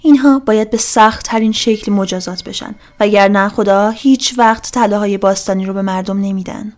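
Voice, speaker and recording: A woman voicing a domineering woman cult leader who poses as a goddess, loud and preaching. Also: medium pitch, lightly acted. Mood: ordering.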